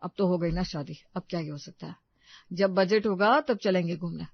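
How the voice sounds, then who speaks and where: A woman's voice: lowish voice, normal speed, gravelly, no echo, highs cut off. A woman doing a mild, pleading young husband. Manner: coaxing, placating tone.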